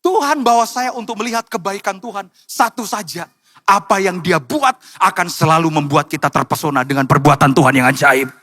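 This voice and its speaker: High, bright-voiced man preaching. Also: a little fast. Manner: emotional storytelling, swings into high cries. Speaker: pastor. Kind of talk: sermon. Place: church.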